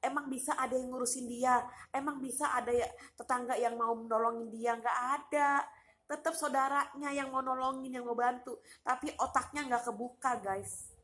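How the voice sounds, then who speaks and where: A woman's voice: high-pitched, steady tone, moderate pace, fairly bright tone. Aggrieved woman venting to her viewers. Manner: rhetorical questions and Jakarta street slang. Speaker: vlogger. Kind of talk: eating vlog with a personal rant.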